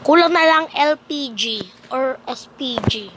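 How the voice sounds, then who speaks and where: A young woman giving playful, teasing commentary while she plays a mobile game, breaking into laughter and shouts now and then. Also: high-pitched, animated, slow. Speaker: gaming vlogger. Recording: noisy background.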